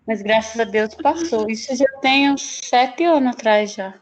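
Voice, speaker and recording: Student, woman, rambling storyteller on a video call, voice pitched a bit high. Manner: animated, rambling storyteller with frequent laughs and restarts. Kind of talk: telling a story in an online class.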